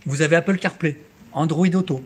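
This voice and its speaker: A man giving a live infomercial sales pitch as a car dealership presenter, with emphatic hard-sell patter that repeats key figures. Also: fairly quick, a little mellow. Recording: clear background noise on location.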